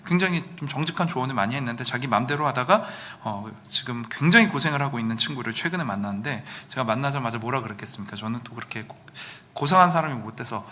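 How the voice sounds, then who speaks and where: A male pastor preaching a sermon in a church, lively, now and then acting out quoted lines loudly. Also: mid-range voice, quick pace, hardly any pauses. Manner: animated, acts out quoted lines with sudden loud outbursts. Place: church sanctuary.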